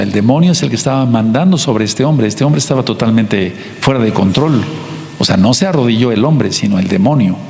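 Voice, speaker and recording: Mexican male pastor, mid-pitched, teaching sermon style, roomy hall reverb. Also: darkish tone. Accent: Mexican Spanish. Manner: teaching, repeats points, slows to stress words. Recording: echoey hall.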